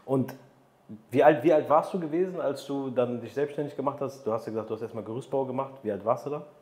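Speaking fast in a mid-range, slightly mellow voice, this thirtysomething podcast host interviews a guest and stresses motivational points forcefully. The studio room has a view of the city and sounds reverberant, and he uses a desk mic on a boom arm.

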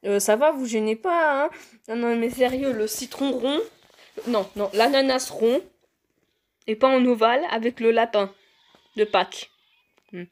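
A woman's voice: on the high side, unhurried, long pauses. Playful young woman commenting on gameplay. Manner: playful, bursts into squeals and laughter, talks to characters. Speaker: gaming youtuber.

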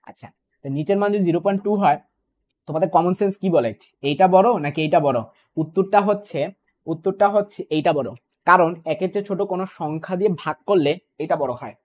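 Young man, physics tutor, exam-prep lesson, rapid delivery, keeps checking in with students. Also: high voice, darkish tone. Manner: fast, repetitive, checks in with "okay?" and "clear?". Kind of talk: online exam-prep class.

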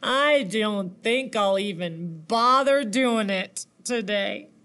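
A woman's voice: mid-range voice, slow pace, fairly bright tone, clean tone. A woman reading a picture book aloud and voicing a small young male centipede with a whiny, sighing voice. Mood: weary.

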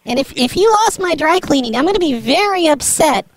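A fussy, demanding woman customer, as a man puts her on through a voice changer, her morphing electronic voice pushed very high. It is warped and unnatural. Clear noise hisses behind it. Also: lively intonation, brisk. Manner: prank caller, demanding and impatient. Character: fussy woman customer chasing lost dry cleaning. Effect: voice changer shifting his voice high. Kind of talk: prank call on a comedy show.

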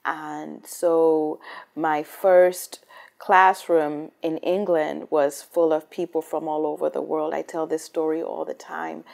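Interviewed indoors on a hotel room set, this singer and rapper from Cameroon responds with enthusiastic storytelling and repeated words. Her voice is deep and darkish, marked by vocal fry.

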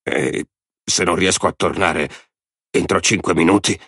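A man's voice: low-pitched, steady tone, unhurried, a bit bright, husky, no room sound, clean studio sound, full character voice. A man voicing a frightened young man in an audiobook, speaking in a hesitant, subdued way. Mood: fearful. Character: frightened young man, hostage forced into game.

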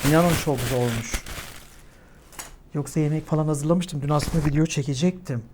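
Chatty young woman telling a dramatic story. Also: a little hiss or hum. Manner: animated, dramatic storytelling that climbs in pitch when agitated. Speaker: mukbang vlogger. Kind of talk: casual chat while eating. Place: at home. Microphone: clip-on mic.

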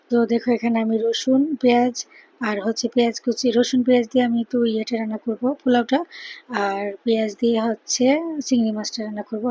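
A tired mother with a Bangladeshi Bengali accent speaks in a hushed cooking vlog voice-over, keeping quiet so she won't wake her sleeping child. Her voice sits fairly high but sounds husky and dark. She talks in a flat, even line with little rise and fall. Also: rough recording. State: tired after a sleepless night.

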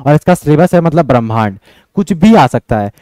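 Fast-talking young male exam coach. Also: fairly high pitch, big pitch swings, mellow, dry recording, faint music behind. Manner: fast, repeatedly checks in with "ठीक है?"; direct and insistent. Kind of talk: exam strategy lesson.

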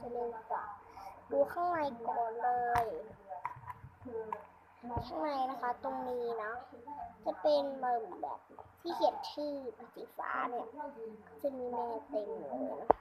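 A young girl hosting a casual vlog, reviewing items slowly and politely while she shows them to the camera. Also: sits high, over a noisy crowd, rough recording. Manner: chatty, polite, slow and careful, showing items to camera. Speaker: vlog host. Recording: loud background noise.

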